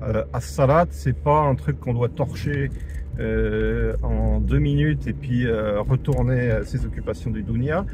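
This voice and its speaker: A French religious teacher speaking a little slowly in a medium pitch talks through a lesson from his car. The delivery is loose and chatty, with frequent fillers, false starts, and repeated emphasis on key points. Traffic noise is audible throughout.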